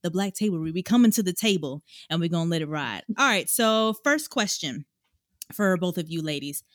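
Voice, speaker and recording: A woman's voice: on the low side, lively intonation, a little fast, no echo, studio quality. A woman hosting a podcast, chatting casually and upbeat, often addressing listeners as y'all. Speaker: podcast host.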